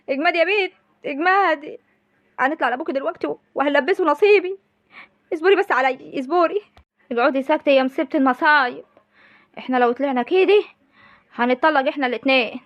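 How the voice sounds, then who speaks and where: A woman playing a loud, melodramatic rural mother of the grooms in a comic village sketch, with a rural Egyptian accent, wailing and lamenting. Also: sits high, no echo, muffled recording.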